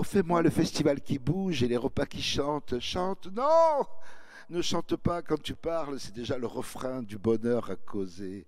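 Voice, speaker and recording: A man's voice: fairly high pitch, lightly acted. A man voicing an eager young woman who gushes and pleads to hear about a sunny southern city, in a breathless, effusive manner.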